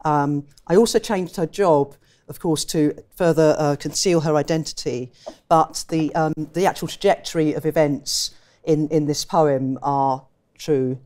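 A woman's voice: deep voice, fairly even intonation, unhurried, a little mellow. A woman poet with an English accent talks through her work in a conversational interview. She is reflective and often rephrases herself mid-sentence. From England. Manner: thoughtful, self-correcting.

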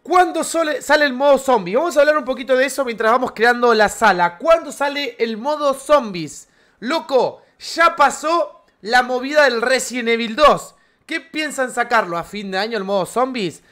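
Argentine man, lively gaming streamer, high pitched voice, slangy and chatty. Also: normal speed. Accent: Argentine Spanish. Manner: energetic, slangy, chatty with viewers. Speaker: game streamer. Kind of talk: live game stream chat.

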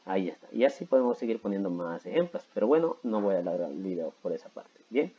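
Low, mellow-voiced man teaching grammar. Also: big pitch swings, fast, slightly rough, lo-fi sound. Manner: patient, repeats himself with many "¿sí?" and "¿no?" check-ins. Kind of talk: explaining grammar to school students.

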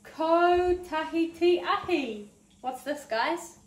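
A very high-pitched woman with a New Zealand accent leads an interactive story time in an indoor preschool room, taking it slowly for the little ones. Her sing-song teacher voice is animated and encouraging, stretching out words. The mic sits far away, so the sound is roomy with background noise.

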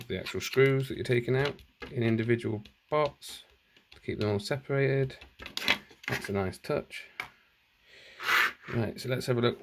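At home indoors, a channel host casually talks through an unboxing, thinking aloud and correcting himself, while filming one-handed on a handheld phone camera. His voice is medium-pitched and gravelly, with a noisy background.

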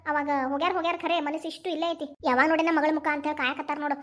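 A woman voicing a gentle young cartoon mother who softly explains things, with a North Karnataka Kannada accent. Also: high-pitched, little pitch movement, racing. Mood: explaining. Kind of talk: animated cartoon family drama dialogue.

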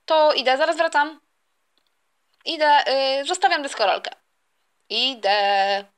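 A woman's voice: sits high, expressive, unhurried. A woman voicing a cheeky, careless teenage boy who whines and talks back. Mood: whiny. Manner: whiny, careless.

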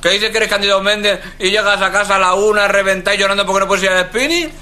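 A man's voice: sits high, quick pace, bright, forceful tone. A middle-aged actor playing a lazy, teasing husband who mocks his wife in a sitcom. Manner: teasing, smug, mocking. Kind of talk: sitcom acting.

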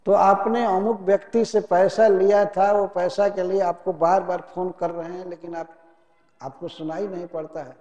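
A man's voice: high voice, little pitch movement, normal speed, a little mellow, lo-fi sound, natural voice. A man voicing a stern male phone operator who scolds a debtor for ignoring calls. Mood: scolding. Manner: scolding, reasoning. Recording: echoey hall.

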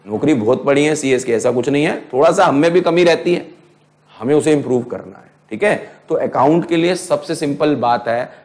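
A middle-aged man with an Indian English accent teaching an accounting class, mixing Hindi and English, putting questions to students and slowly dictating definitions. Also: on the high side, a little mellow. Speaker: accounting lecturer. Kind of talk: classroom lecture.

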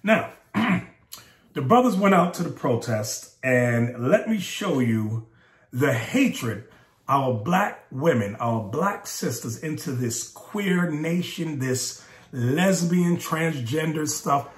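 Animated preacher man in an echoey room. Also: slow. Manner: animated, emphatic, voice jumping high when mocking others. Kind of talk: video sermon commentary.

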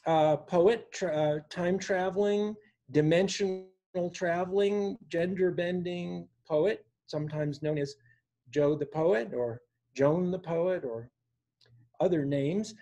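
A man in his sixties reads his own poetry at a virtual open mic, with casual introductions between pieces, from a small room at home. His voice sits high and sounds warm, and his delivery is measured and deliberate.

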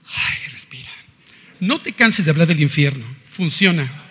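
A man's voice: fairly high pitch, lively intonation, normal speed, pushed and bright, husky. A middle-aged man with a Mexican accent giving an earnest, confessional religious testimony and quoting scripture. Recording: reverberant hall.

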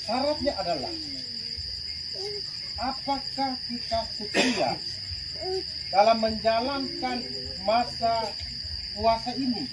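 Papuan Indonesian priest preaching over crickets. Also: male voice, very high-pitched, slow, pauses often. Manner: lively, asks the congregation questions. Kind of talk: sermon. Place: outdoor open-sided tent at night. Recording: loud insect noise from far off.

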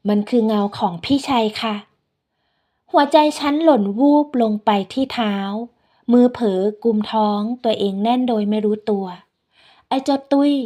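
Woman narrator, soft and unhurried, voice sitting a bit high, reads a scripted first-person story.

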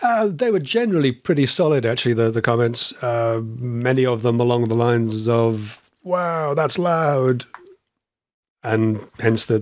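A man in casual podcast chat as a host, with a slightly wheezy, croaky voice and a rambling, stop-start delivery. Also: mid-range voice, no room sound, studio quality.

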